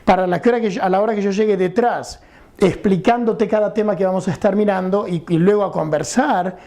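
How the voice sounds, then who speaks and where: A man's voice: high-pitched, fairly even intonation, brisk, warm tone. A middle-aged man teaching an English grammar lesson, explaining patiently and often checking understanding.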